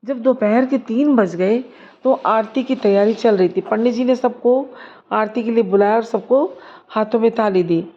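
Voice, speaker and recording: Woman storyteller, measured read-aloud delivery, lo-fi sound. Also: on the high side, dark tone. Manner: slow, measured reading, lifts voice for the mother-in-law's lines.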